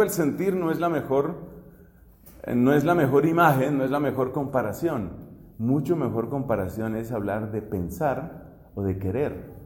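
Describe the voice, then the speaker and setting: With a warm, medium-pitched voice and a Colombian Spanish accent, a Dominican friar in his fifties from Colombia teaches theology step by step, asking questions and drawing on everyday examples. The sound is captured in an echoey hall with a long reverb tail.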